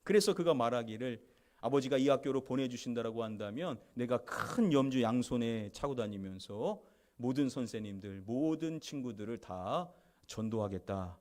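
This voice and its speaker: A male pastor delivers a Sunday sermon from a church sanctuary. His delivery is measured and at an ordinary pitch as he recounts a story to his congregation. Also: lively intonation, a little mellow. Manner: introducing a video clip to the congregation. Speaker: senior pastor.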